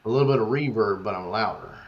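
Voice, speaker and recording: A man's voice: lowish voice, fast. A male podcast co-host whose voice echoes as if he were in a tunnel, apologizing while he sorts out mic trouble. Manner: apologetic, sorting out tech trouble. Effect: echoing tunnel-like reverb on his mic. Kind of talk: casual chat. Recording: dull, muffled echoey mic.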